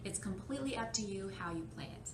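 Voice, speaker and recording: A woman's voice: medium pitch, animated, fast. A woman presenting a card game tutorial, explaining the rules step by step in a plain, demonstrative way. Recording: echoey room with clear background noise.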